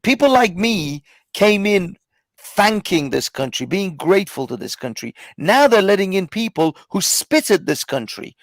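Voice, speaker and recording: A man originally from Iran argues his case with force and frequent swearing, repeating lines to drive them home. His voice sits high for a man and has a gravelly edge. The sound is dry and close. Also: very animated, moderate pace, no room sound. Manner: forceful, profane, repeats himself to press a point. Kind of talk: heated casual debate.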